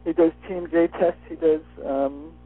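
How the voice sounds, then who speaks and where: Fairly high-pitched and slightly rough, this man speaks at normal speed with fairly even intonation, his words affected by a retainer. He's a phone interview guest giving a personal testimonial, heard in a dry recording on a muffled line with faint music.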